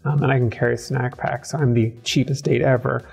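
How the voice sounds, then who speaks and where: A middle-aged man from the American South, a guest in an interview, talking candidly with a quick, self-deprecating, sardonic wit. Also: mid-range voice, level tone, creaky, darkish tone, slightly rough, soft background music. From southern United States. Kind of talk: candid conversational storytelling.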